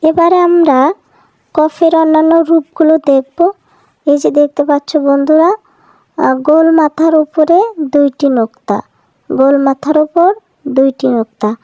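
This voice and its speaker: A woman's voice: high voice, fairly even intonation, unhurried, long pauses, dark tone, no echo, dull audio. A woman teaching children to read Quranic letters in a cartoon lesson, voiced over the animation. She patiently sounds out each syllable and repeats it twice. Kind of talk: slow phonics drill for children.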